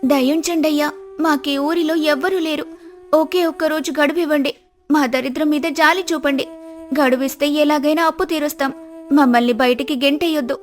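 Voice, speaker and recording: A woman's voice: sits high, fairly even intonation, normal speed, faint music behind, natural voice. A woman voicing a poor village wife in a dubbed cartoon, worried and pleading. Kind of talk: cartoon dubbing.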